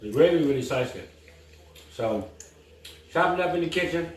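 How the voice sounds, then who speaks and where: A man's voice: fairly high pitch, expressive, normal speed, slight background noise. Man, casual cooking-show host, chuckling, echoey kitchen, mic at a distance. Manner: laid-back, chuckling, talks with mouth full while tasting. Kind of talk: casual chat. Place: home kitchen.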